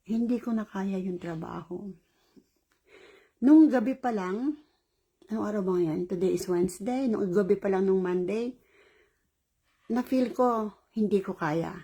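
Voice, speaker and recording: A woman's voice: medium pitch, measured pace, long pauses, husky. A middle-aged woman caregiver, tired after a long shift, telling a rambling story in a casual vlog. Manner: rambling, animated retelling with laughs.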